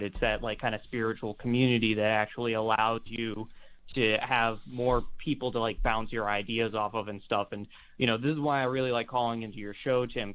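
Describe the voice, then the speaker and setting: A man's voice: on the low side, clear, resonant tone. A man from Massachusetts calling in to a live show, heard over a phone line, rambling as he thinks aloud. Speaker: caller. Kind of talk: casual call-in chat. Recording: dull phone-line audio.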